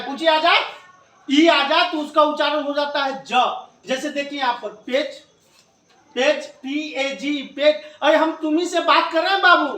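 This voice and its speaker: Male tutor, high-pitched, drilling pronunciation, recorded from afar in a roomy space. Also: pushed and bright. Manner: drills with repeated questions, coaxing the viewer. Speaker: English teacher. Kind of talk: classroom lesson at a board. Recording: echoey room, mic at a distance.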